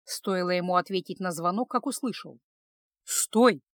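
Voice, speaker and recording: Expressive woman reading an audiobook. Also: fairly high pitch, a little fast, no echo. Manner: expressive, emotional. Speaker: audiobook narrator. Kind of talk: dramatic storybook narration.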